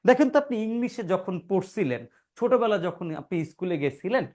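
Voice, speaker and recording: A man's voice: high-pitched, expressive, moderate pace, a little mellow. A male grammar teacher giving a classroom lesson. He keeps asking rhetorical questions, calls his students "brother" and sounds words out syllable by syllable.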